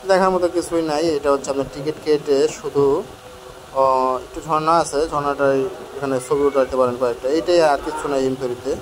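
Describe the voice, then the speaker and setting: A man's voice: mid-range voice, steady tone, fairly quick. A man, a travel vlogger climbing hill stairs, talking frankly to viewers and slightly out of breath. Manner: chatty, frank and complaining, addresses viewers directly. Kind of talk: walking travel vlog commentary. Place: outdoors on hillside stairs. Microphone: handheld phone camera. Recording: phone audio with loud outdoor noise.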